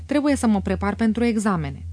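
A woman's voice: medium pitch, very animated, darkish tone, dry recording. A woman reading the lines of a flustered, earnest young male student in an audiobook. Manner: flustered, hurried.

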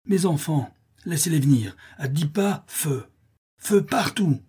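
A man voicing a commanding hacienda master who shouts orders to his men. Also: a little high, expressive, takes it slowly, husky, voice pushed up, exaggerated voice.

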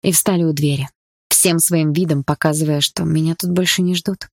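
A woman's voice: deep voice, steady tone, normal speed, slight background noise. A woman reading a first-person novel aloud in a tense, earnest manner. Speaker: audiobook narrator.

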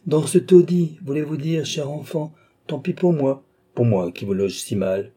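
A man voicing a gracious young princess who speaks kindly but with gentle command. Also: fairly high pitch, measured pace, breathy edge, pitched above the performer's own voice. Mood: gracious, lively.

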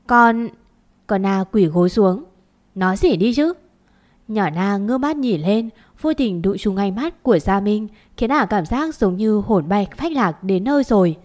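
A woman's voice: medium pitch, animated, normal speed, few pauses, a little mellow. A woman narrating a family drama story aloud, in a dramatic storytelling manner.

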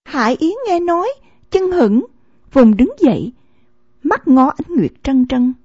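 A woman reading a novel aloud as an audiobook narrator, in measured storytelling narration, in a dull, lo-fi recording. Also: high voice, expressive, mellow, no echo.

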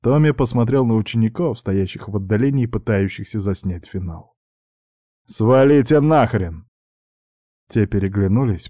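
A man narrates an audiobook in a steady, even read. His voice sits low with a mellow, dark tone. The recording is dry and close. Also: no echo.

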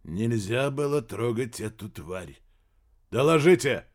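A man's voice: mid-range voice, lively intonation, slow pace. A man voicing a stern, curt male admiral in an audiobook, barking short orders. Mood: commanding. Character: stern commanding male admiral, middle-aged. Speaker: audiobook character.

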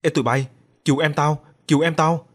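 A man's voice: mid-range voice, a little fast, close to an everyday voice. A man voicing a young boy who looks after his little sister and calls out urgently. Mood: panicked. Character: young boy, protective older brother.

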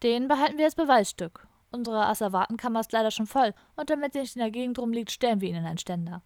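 A woman's voice: on the high side, expressive, fast talker, darkish tone, no room sound, clean studio sound, close to an everyday voice. A woman voicing a bossy male police officer who barks orders in an officious way. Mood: barking. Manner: barking, officious. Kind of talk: audiobook character voice.

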